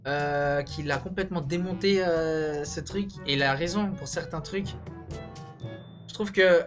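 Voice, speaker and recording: Over background music, a young male video host speaks in a slightly high voice without hurrying. His style is casual banter and emphatic, slang-heavy, opinionated rankings.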